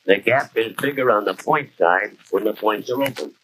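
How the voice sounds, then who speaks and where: An American actor playing a seasoned, avuncular mechanic giving folksy practical tips in a scripted 1940s training film. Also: male voice, on the low side, normal speed, natural voice. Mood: advising. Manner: folksy, advising. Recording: noisy 1940s film soundtrack.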